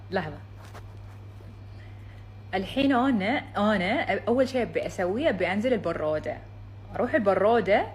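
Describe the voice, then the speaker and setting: A woman's voice: medium pitch, a little hiss or hum. A woman with a Bahraini Gulf Arabic accent chatting casually and playfully in a personal vlog. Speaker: social media vlogger.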